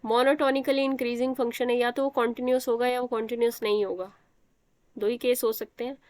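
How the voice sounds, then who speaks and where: A woman's voice: on the high side, level tone, a little fast, darkish tone, no echo. A young woman teaching a math class, explaining step by step and quizzing students as she goes. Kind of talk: live online math class.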